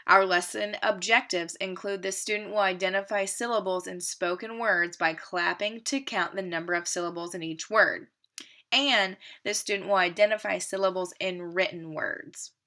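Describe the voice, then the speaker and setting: A woman teacher lays out a literacy lesson plan step by step. She speaks in a steady, methodical way at a middle pitch, now and then pausing on a filler. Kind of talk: explaining a lesson plan, partly read.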